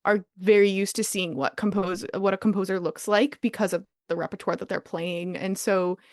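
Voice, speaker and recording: A woman's voice: mid-range voice, fairly even intonation, moderate pace, no room sound, clean studio sound. A woman composer speaking thoughtfully on a podcast roundtable, with frequent fillers and restarts. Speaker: composer guest.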